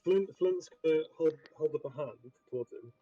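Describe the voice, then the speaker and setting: A man's voice: a little high, moderate pace, muffled recording, a little hiss or hum. A man playing a tabletop game, talking hesitantly and restarting his phrases. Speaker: player. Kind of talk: casual tabletop game chat.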